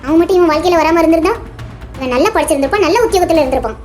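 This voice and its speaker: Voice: very high-pitched, very fast, darkish tone, soft background music. A performer voicing a friend in a cartoon who lectures and presses for answers. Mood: lecturing. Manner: lecturing, insistent. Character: young friend Sakthi, preachy advice-giver. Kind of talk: cartoon voice acting.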